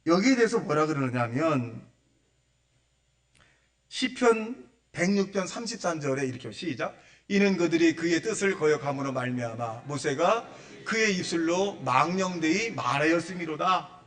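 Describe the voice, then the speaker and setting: A male pastor giving a Sunday sermon, acting out the voices he quotes and swinging between loud bursts and hushed asides. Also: fairly high pitch, animated, normal speed, far from the mic. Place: church sanctuary.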